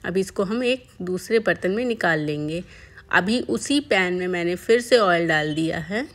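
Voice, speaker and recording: A woman calmly narrating a home cooking tutorial step by step as a voice-over. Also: on the low side, normal speed. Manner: calm step-by-step explaining. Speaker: cooking channel host.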